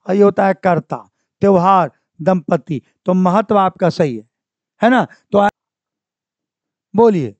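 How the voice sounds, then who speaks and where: A man's voice: sits high, a little mellow, dry recording. A man teaching an exam-prep class, who repeats each word and keeps asking the class for answers. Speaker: Hindi grammar teacher. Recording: dry, dull lo-fi sound.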